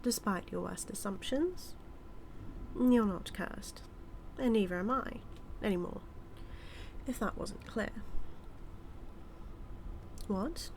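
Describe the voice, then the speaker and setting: In a scripted villain monologue delivered straight to the listener, a British woman mocks her archenemy with smug, teasing relish. Her medium-pitched voice is a little mellow, slow, and full of pauses, with a theatrical drawl that slips into whispers. There's slight background noise.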